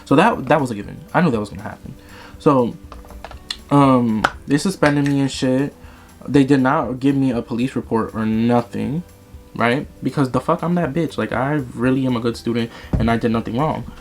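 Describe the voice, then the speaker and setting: A man's voice: medium pitch, moderate pace, faint music behind. A young man vlogging, telling a dramatic, profane story in a casual way while he does his makeup.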